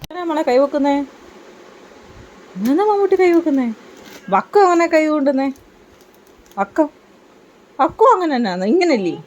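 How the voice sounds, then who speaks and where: A woman's voice: sits high, lively intonation, moderate pace, long pauses, a little mellow, dull audio. A mother talking to her baby at home in coaxing, sing-song baby talk.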